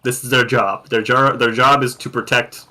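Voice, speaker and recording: A man's voice: mid-range voice, steady tone, moderate pace, bright, forceful tone. A man narrating a tabletop game as game master, loose and rambling with lots of ums.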